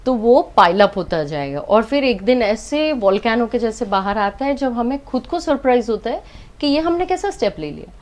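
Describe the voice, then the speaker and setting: A woman's voice: fairly high pitch, animated, moderate pace, darkish tone. A woman, a doctor as interview guest, giving earnest advice and mixing Hindi with English phrases.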